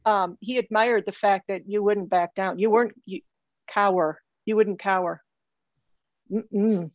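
A woman's voice: mid-range voice, fairly even intonation, unhurried, no echo, phone-quality sound. A woman giving a psychic reading over a remote call, earnest and insistent, often stopping and repeating her phrases. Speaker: psychic medium.

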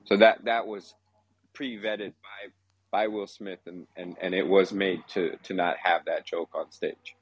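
A man with a low voice arguing on a call-in show. He presses his point but stumbles and restarts his sentences as he goes. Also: little pitch movement, a little slow, slightly rough, no room sound, highs cut off. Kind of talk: call-in debate.

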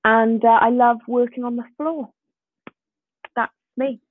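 A woman's voice: on the high side, fairly even intonation, measured pace, slight background noise. A woman from Swansea with a light Welsh accent, chatting casually and self-deprecatingly as a guest, with a giggly manner. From Swansea, Wales. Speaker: podcast guest, small business owner. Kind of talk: casual chat. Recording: thin band-limited phone-like call audio.

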